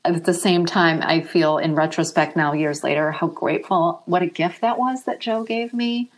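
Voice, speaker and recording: Middle-aged woman guest, deep-set low voice, gentle and reflective, emotion close to the surface. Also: normal speed. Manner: soft-spoken, reflective, emotional. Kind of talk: reflective interview conversation.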